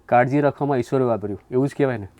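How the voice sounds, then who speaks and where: A man, a monk, speaking in a measured, reflective way about devotion, his sentences trailing off softly. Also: medium pitch. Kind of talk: reflective spiritual talk.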